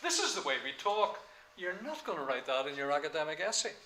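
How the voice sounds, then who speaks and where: Male lecturer, older, bright voice, echoey room, hesitant then emphatic. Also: fairly high pitch, sing-song, slight background noise. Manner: halting with many fillers, then emphatic. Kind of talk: classroom lecture.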